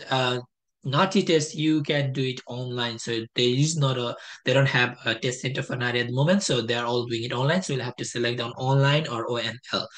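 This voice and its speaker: A man's voice: mid-range voice, fairly bright tone. A young man from Nepal giving a casual step-by-step screen-share tutorial on a headset mic at home, with many fillers and restarts. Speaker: test prep tutor. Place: indoor home room.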